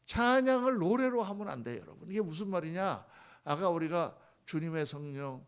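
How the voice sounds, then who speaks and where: Delivering a dawn prayer sermon in a church sanctuary, a man speaks in a high-pitched, expressive voice at a slightly fast clip. He moves between booming emphasis and soft murmurs, and he performs the people he quotes through conversational asides.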